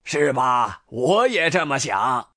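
Woman doing a deep, doting old grandpa. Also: sing-song, takes it slowly, dry recording, studio quality, heavily acted. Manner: warm, teasing, modest.

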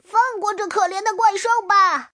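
A woman voicing a brave little boy toad in a storybook reading, talking fast and high as he scolds. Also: fairly even intonation, pushed and bright. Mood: pleading.

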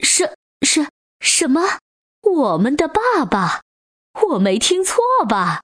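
A woman's voice: on the low side, lively intonation, unhurried, husky, dry recording, studio quality, full character voice. Woman voicing a sneering male gorgosaurus villain. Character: menacing greedy male gorgosaurus.

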